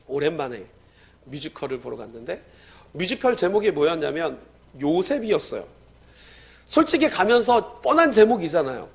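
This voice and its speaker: A male pastor preaching a sermon, telling a story and swinging between loud exclamations and hushed lines. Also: on the high side, creaky.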